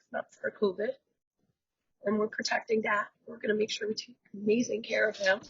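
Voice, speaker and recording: A middle-aged woman giving a heartfelt, halting eulogy for her mother over a video call. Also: vocal fry, breathy edge, dry recording. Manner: heartfelt and halting, wide swings in pitch. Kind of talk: memorial eulogy. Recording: dull lo-fi video call audio.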